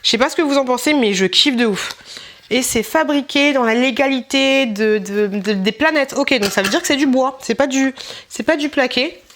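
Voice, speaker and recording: A young woman talks through her shopping finds in a casual vlog. Her voice sits a little high, and her delivery is chatty and gushing. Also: moderate pace, fairly bright tone, slight background noise. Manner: chatty and enthusiastic, gushing over items. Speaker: YouTuber showing shopping finds.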